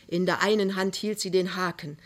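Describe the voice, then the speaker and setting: Low-voiced woman reading a novel. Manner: measured, expressive. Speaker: narrator. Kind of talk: literary reading for radio.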